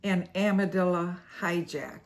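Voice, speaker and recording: A woman's voice: lowish voice, level tone, unhurried. A woman hosting an educational series, narrating a scripted explainer in a playful, theatrical way and laughing at her own jokes.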